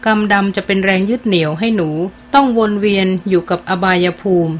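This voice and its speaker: A gentle teenage girl speaks in a soft, steady, tender voice to her little dog, as a woman reading the story puts her on. Her pitch sits in a middling range. A faint noise runs underneath. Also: brisk, close to an everyday voice. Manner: soft, calm and even, tender.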